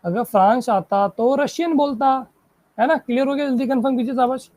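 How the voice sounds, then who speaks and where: A woman teaching a live online reasoning class. She keeps checking whether students follow and praises them, and she reads English questions out slowly before explaining them in Hindi. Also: sits high, mellow, no room sound. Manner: checks in constantly, praising and asking if it is clear.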